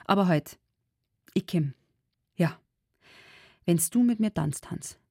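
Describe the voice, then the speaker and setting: A woman voicing a wild, jealous young village girl in dialect, loud and scornful. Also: lowish voice, expressive, slow, creaky, breathy edge, dry recording, studio quality, exaggerated voice.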